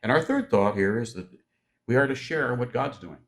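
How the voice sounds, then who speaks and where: A man preaching a sermon in a conversational teaching style, joking with the congregation and slowing down to stress key words. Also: medium pitch, lively intonation.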